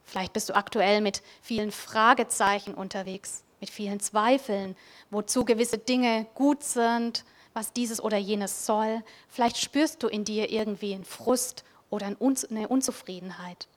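A woman giving a reflective Christmas devotional, speaking directly to the listener and at times dropping to a soft near-whisper. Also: mid-range voice, steady tone, moderate pace. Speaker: preacher.

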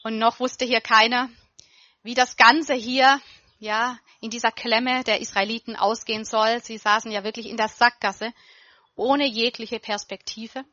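A woman preaching a sermon in an earnest, emphatic way, slowing down to stress quoted verses. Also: fairly high pitch, flat delivery, sharp tone, dry recording, lo-fi sound.

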